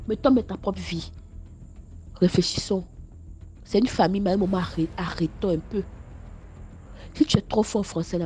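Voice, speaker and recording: A young woman with an Ivorian French accent, talking straight to her viewers in a casual storytime vlog, animated and stammering, scolding one moment and telling her story the next. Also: medium pitch, a little hiss or hum. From Ivory Coast.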